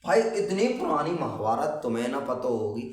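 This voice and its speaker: A man's voice: medium pitch, very animated, moderate pace. A young man, giving casual, rambling exam tips to students he calls brother. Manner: chatty, addresses viewers as brother, rambling. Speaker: exam tips video host. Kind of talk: casual exam-prep talk. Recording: echoey room, far from the mic.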